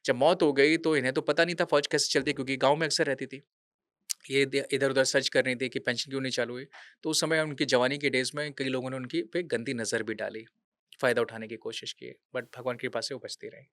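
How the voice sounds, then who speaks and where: A man's voice: mid-range voice, fairly even intonation, quick pace, fairly bright tone, no room sound, clean studio sound. A man in his thirties, a podcast guest, telling a true story earnestly in a conversational interview and dropping English words into his speech. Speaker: podcast guest, veterans' charity worker.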